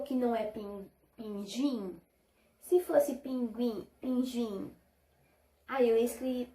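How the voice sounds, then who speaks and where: A Brazilian woman teaching young children, stretching out each word slowly so they can hear every sound. Her voice sits fairly high but sounds mellow and soft, and the room around her echoes. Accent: Brazilian Portuguese. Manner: slow, drawn-out syllables when modelling words; patient, checks understanding with short questions. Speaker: primary school teacher. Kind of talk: recorded Portuguese lesson for young children.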